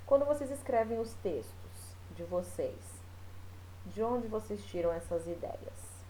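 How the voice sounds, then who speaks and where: A woman's voice: mid-range voice, animated, mellow, slight background noise, poor audio. A woman teacher talking her class through a recorded lesson in a loose, chatty way, with many small fillers. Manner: explains slowly, with frequent fillers.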